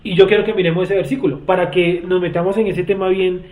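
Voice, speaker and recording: A man's voice: high-pitched, fairly even intonation, fast. A man teaching a Bible study class, explaining word meanings and often putting questions to his students. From Colombia. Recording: echoey room, tinny phone-like sound.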